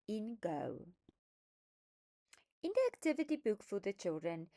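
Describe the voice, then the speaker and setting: A woman talks through a phonics lesson at an unhurried pace, her pitch rising and falling widely as she stretches out vowels. Her delivery is patient and emphatic, and she sounds out each syllable clearly for teachers and children. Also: darkish tone. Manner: slow, deliberate, emphatic teaching voice, sounding out words. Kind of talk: instructional lesson narration.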